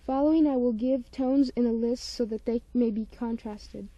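A woman's voice: fairly high pitch, steady tone, normal speed, dark tone, dry recording, dull audio. A woman working as a linguist, leading a phonetics word-list recording with plain, methodical prompts.

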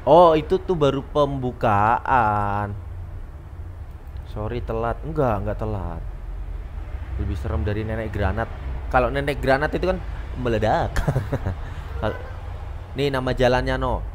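A man's voice: medium pitch, a little slow, long pauses, slight background noise. A man gives casual let's-play commentary on a horror game, jumpy and full of startled exclamations. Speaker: gamer playing a horror game.

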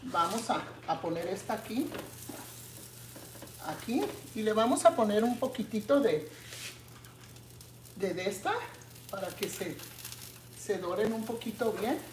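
A middle-aged woman, chatting casually with her viewers as she cooks in her home kitchen, often drifting into soft asides. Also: mid-range voice, animated, unhurried, pauses often, noisy background. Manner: chatty, addresses viewers as friends, often trails into quiet asides. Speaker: cooking channel host. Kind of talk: casual cooking vlog chat. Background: food sizzling in a pan.

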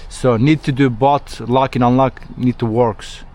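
Unhurried and darkish in tone, this man's mid-range voice carries fairly even intonation and a Turkish accent. He's a locksmith from Turkey chatting informally with a customer at their vehicle, often repeating himself, captured in a noisy on-the-job recording.

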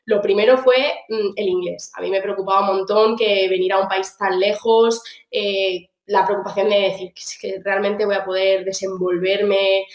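A woman's voice: medium pitch, steady tone, moderate pace, few pauses. A young woman from Argentina, a guest chatting on a video call in an upbeat way, full of fillers and restarts. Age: young adult. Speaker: interview guest. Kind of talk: casual video-call interview. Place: small room indoors. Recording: roomy echo.

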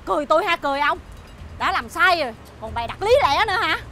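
A woman's voice: very high voice, lively intonation, fast, background noise. An actress playing an angry middle-aged wife scolding her cheating husband scornfully, over background music. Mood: furious.

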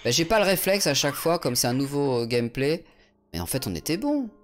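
A man's voice: a little high, very animated, a little fast, faint music behind. A man from France casually commenting on a video game as he plays, swearing now and then and answering his viewers. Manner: chatty, swearing, reads chat aloud. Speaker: let's play streamer. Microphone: USB studio condenser mic.

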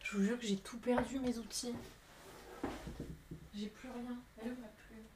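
Excitable high-voiced woman streamer. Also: background noise. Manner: chatty, excitable, quick to apologize. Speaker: potter streaming live. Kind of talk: casual live-stream chat.

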